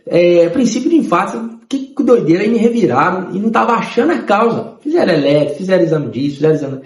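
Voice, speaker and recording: A man, telling his conversion testimony in an animated way and acting out the voices of others. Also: high voice, quick pace, echoey room. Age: 30s.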